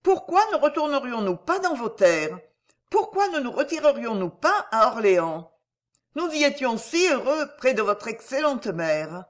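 An audiobook reader voicing a gentle duchess who pleads with her husband. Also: medium pitch, very animated, unhurried, pitched above the performer's own voice. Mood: pleading. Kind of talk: audiobook reading of a historical novel.

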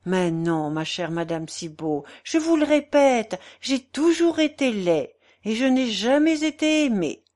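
A woman's voice: on the high side, big pitch swings, a little slow, few pauses, a little mellow, voice pushed up. A woman voicing a weary, despairing old bachelor in a storybook reading, plaintive and mournful.

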